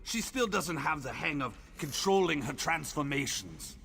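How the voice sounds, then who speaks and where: A man's voice: on the high side, animated, normal speed, creaky, sharp tone, slight background noise, exaggerated voice. An actor playing a friendly, effusive male hunter who welcomes a newcomer like a big brother, in video game dialogue. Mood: storytelling. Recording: game audio with faint music.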